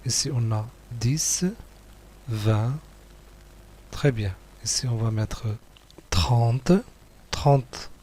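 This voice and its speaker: Male primary teacher, husky voice, very slow and patient delivery, repeats words. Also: medium pitch. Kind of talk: slow worksheet walkthrough for young pupils.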